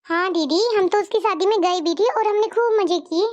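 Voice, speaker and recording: A woman voicing a chatty, blunt, naive younger sister in a cartoon story, with a high, squeaky voice. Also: brisk, darkish tone, muffled recording.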